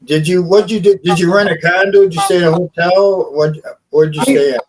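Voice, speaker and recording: A man's voice: high-pitched, fairly even intonation, a little fast. A man hosting an interview, asking playful, probing questions. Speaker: host. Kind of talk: casual interview. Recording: distant mic with crowd noise behind.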